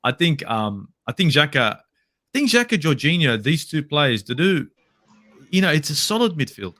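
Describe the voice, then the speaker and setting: A man talking football casually, animated and swearing now and then. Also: on the high side, moderate pace. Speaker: podcast guest.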